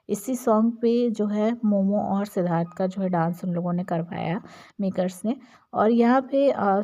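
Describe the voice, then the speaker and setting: A woman's voice: medium pitch, warm tone. A young woman talking casually about reality show clips, chatty and gossipy, with many fillers. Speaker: entertainment vlogger.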